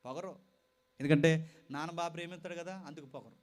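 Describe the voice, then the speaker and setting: A man preaching a sermon with passion. He moves from loud appeals to quieter storytelling, speaks straight to his listeners and repeats phrases for weight. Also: fairly high pitch, fairly even intonation, fast talker. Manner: impassioned, swings from loud exhortation to quiet storytelling; addresses listeners directly and repeats phrases for emphasis.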